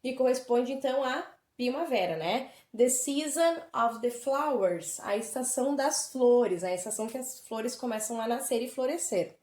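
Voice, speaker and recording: A woman with a Brazilian Portuguese accent, teaching an English lesson remotely and explaining words slowly and clearly to children. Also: fairly high pitch, a little mellow, roomy sound.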